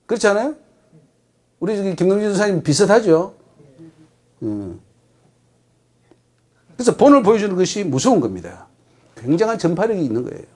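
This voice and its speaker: This emphatic sermon comes from a male pastor with a Gyeongsang Korean accent whose voice sits high and rises and falls sharply. His tone is a little mellow, and he repeatedly asks his congregation rhetorical questions.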